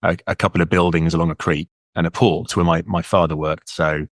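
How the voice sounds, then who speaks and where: This English guest, a leadership coach of roughly fifty, talks casually in an interview, musing reflectively and circling back over words as he thinks. He speaks a little fast in a low voice with little pitch movement, captured cleanly in the studio without echo.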